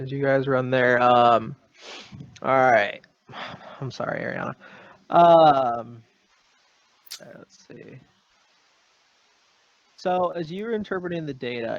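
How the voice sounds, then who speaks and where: A man's voice: medium pitch, no room sound. A man running a tabletop horror game as game master, narrating in a hesitant, rambling way full of ums, on a dull lo-fi recording.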